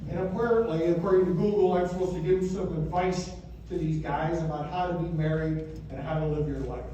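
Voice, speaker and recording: A man's voice: on the high side, fairly even intonation, a little fast, dark tone, lo-fi sound. Echoey, joking American father of the bride. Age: 50s or 60s. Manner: joking, conversational storytelling with emphatic punchlines. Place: wedding reception room. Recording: echoey room from far off, noisy.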